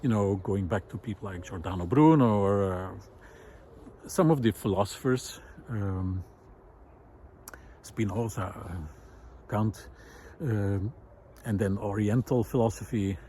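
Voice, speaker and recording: Walking through a snowy park, a vlog host talks unscripted and reflectively, his phrasing thoughtful and hesitant. His voice is fairly low, mellow and a little slow, with a little hiss or hum in the recording.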